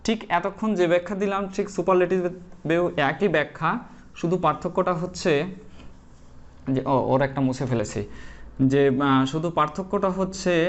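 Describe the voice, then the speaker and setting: A male English grammar teacher explaining an online class step by step, asking and answering his own questions and spelling words out letter by letter. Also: on the high side. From Bangladesh. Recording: dull lo-fi sound.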